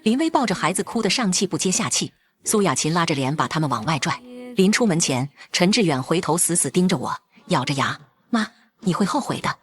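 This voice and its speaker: A woman's voice: lowish voice, animated, a little fast, breathy edge. A woman narrating a first-person drama in a cold, blunt and firm way.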